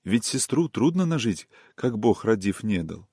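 A man voicing a tender, melancholy young peasant woman in an audiobook reading, with a soft, soothing, singsong manner. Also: lowish voice, big pitch swings, unhurried, breathy edge, no room sound, studio quality, heavily acted.

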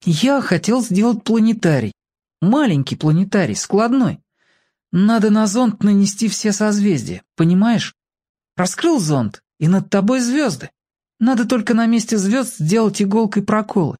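A man's voice: sits high, animated, normal speed, mellow, voice pushed up. A man reading a storybook aloud, voicing a dreamy young boy who loves the stars and explains his plans earnestly. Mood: eager explaining.

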